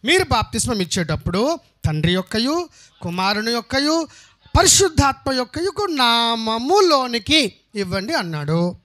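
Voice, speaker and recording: High, bright-voiced emphatic man preaching. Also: very animated, moderate pace. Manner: emphatic, questions the congregation and answers himself; mixes English phrases into his preaching. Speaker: pastor. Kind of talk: sermon.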